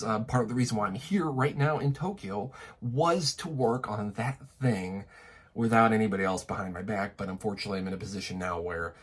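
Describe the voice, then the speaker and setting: His husky, mid-range voice carries a candid vlog rant recorded in his Tokyo apartment. He sounds a little stuffy while getting over a cold, and he speaks bluntly, swearing heavily and frequently starting over.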